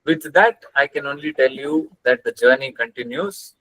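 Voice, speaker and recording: A young guest lecturer with a South Indian accent teaches online over a video call, earnestly explaining ideas and reciting Sanskrit verses. His mid-range voice moves at normal speed with a sharp tone, and the webcam recording sounds rough.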